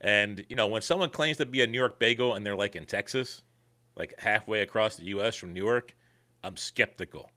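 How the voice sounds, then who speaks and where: A man co-hosting a podcast in casual chat, with animated, teasing banter. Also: lowish voice, brisk. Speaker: podcast co-host.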